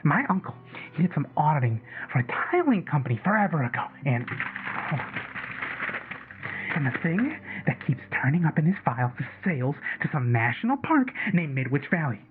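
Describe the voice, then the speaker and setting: Over a tinny, phone-like line with background music and noise, a man with a fairly high, sing-song voice speaks at a moderate pace. He's an actor in an audio drama styled as casual talk radio, playing an agitated, obsessive conspiracy caller to a late-night show. He stammers, repeats himself and swears as he rambles.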